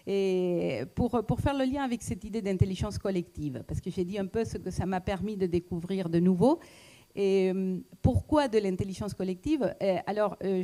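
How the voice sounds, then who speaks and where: A woman with a foreign accent giving a reflective public talk, pausing often with fillers and restarts. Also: mid-range voice, warm tone. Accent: foreign accent in French. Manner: hesitant, many fillers and restarts. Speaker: speaker at a talk, economist.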